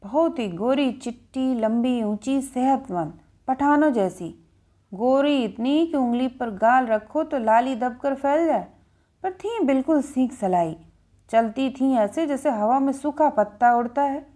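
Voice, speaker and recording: Older woman, storyteller, high voice, gentle, expressive narration. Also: measured pace.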